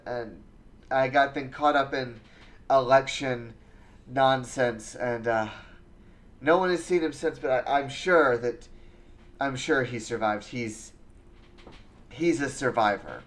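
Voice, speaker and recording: A man voicing a persuasive woman politician in a tabletop game, with halting restarts. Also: medium pitch, close to an everyday voice. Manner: eager, persuasive, hesitant restarts. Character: smooth-talking woman politician NPC.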